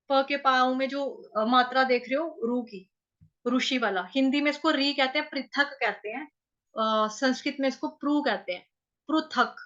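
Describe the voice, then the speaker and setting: A woman with a North Indian accent teaching Sanskrit verse recitation, drilling each syllable slowly and repeating it several times. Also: high-pitched, fairly bright tone, muffled recording. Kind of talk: chanting lesson, syllable by syllable.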